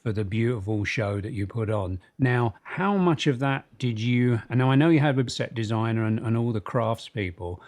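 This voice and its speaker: A man's voice: mid-range voice, moderate pace, hardly any pauses, a little mellow. A man co-hosting an interview, chatting enthusiastically and rambling a little. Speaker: co-host. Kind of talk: casual podcast chat.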